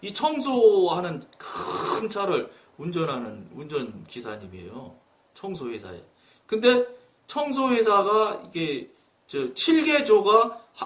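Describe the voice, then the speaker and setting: Animated Korean pastor telling a story. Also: male voice, high voice, recorded from a distance. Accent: Chungcheong Korean. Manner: animated, acts out quoted dialogue. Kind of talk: sermon storytelling.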